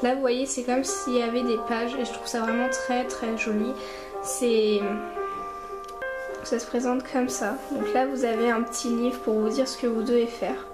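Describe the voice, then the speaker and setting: A woman's voice: fairly high pitch, flat delivery, moderate pace, roomy sound, over loud music, rough recording. A woman beauty vlogger reviewing a makeup kit in a rambling, chatty way, talking straight to her viewers. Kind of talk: casual makeup review and tutorial.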